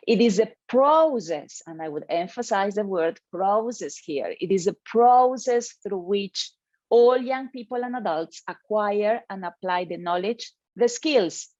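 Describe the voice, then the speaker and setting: A woman's voice: medium pitch, darkish tone, no echo, dull audio. A woman presenting an educational webinar to teachers over a video call, earnest and emphatic, reading participants' names from the chat.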